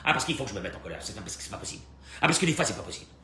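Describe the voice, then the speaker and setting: Animated rabbi in an echoey room. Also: male voice, on the low side, very fast. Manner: animated, swings from hushed to loud; acts out short dialogues. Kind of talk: Torah lesson. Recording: echoey room with faint noise.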